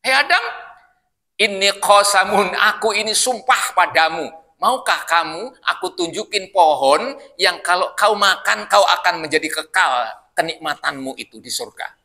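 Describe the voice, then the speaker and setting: A man voicing a sly tempting male devil in a sermon, slow and coaxing. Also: sits high, animated, bright, forceful tone, in a large hall, exaggerated voice.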